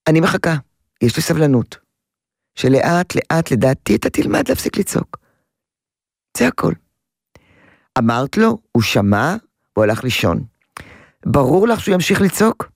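A woman's voice: deep voice, a little mellow, dry recording, studio quality. A woman advising a caller on parenting, emphatic and repeating words for stress. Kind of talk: radio call-in advice.

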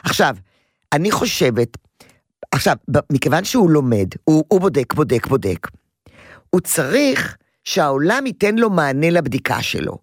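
A woman's voice: low-pitched, big pitch swings, no echo, clean studio sound. A woman counseling a mother on parenting, talking emphatically and often repeating her key phrases. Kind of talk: parenting advice session.

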